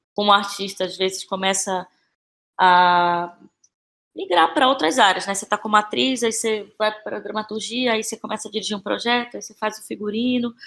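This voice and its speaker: A Brazilian actress and playwright, appearing as a podcast guest, answers in a fairly bright, medium-pitched voice. She's conversational, informal and reflective, often tacking on tag questions to seek agreement.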